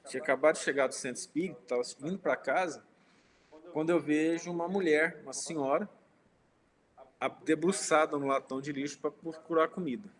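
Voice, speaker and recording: A man giving an informal spiritist talk, telling personal stories, speaking directly to his listeners and acting out quoted dialogue. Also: mid-range voice. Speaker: spiritist lecturer.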